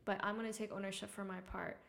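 A woman's voice: medium pitch, level tone, quick pace, gravelly, fairly bright tone. A woman guest on a casual podcast, earnestly offering advice in a coaching way.

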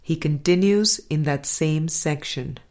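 Unhurried and deliberate, a woman reads aloud from a spiritual book and comments in the pauses between passages, much like a measured audiobook. Her voice sits low and soft, and her sentences often drift into a hushed close.

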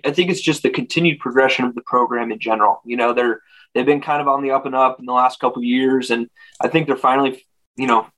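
A man with a middle-pitched voice gives off-the-cuff football analysis as a guest reporter. He talks haltingly, repeating words and dropping in "you know" as he gathers his thoughts. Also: a bit bright, poor audio. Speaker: sports reporter guest on a radio football show.

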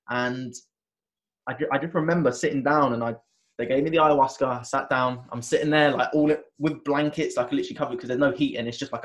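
A man talks as a guest in a conversation. His voice sits at an ordinary middle pitch. He tells a personal story with lots of restarts and fillers, and he acts out the words of his past self. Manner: animated retelling, acting out his own past words; halting, many restarts and fillers. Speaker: interview guest, wellness coach.

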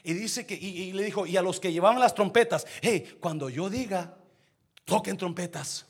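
High-voiced preaching man, husky and bright. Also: normal speed. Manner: preaches to the congregation, swinging from low murmurs to shouting. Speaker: pastor. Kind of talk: sermon.

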